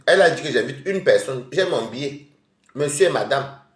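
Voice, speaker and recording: With a head cold, a man eats at home while chatting on a live stream, rambling and talking right to his viewers. His mid-range voice is animated at a normal speed, and the space sounds reverberant.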